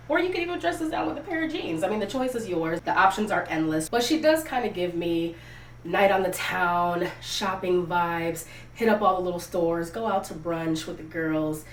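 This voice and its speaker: A young fashion vlogger with a cold, sniffly and congested, chats candidly to camera during a casual try-on haul, her voice sitting on the low side. She's filming outdoors in the wind, and the distant mic picks up a roomy echo and faint background noise.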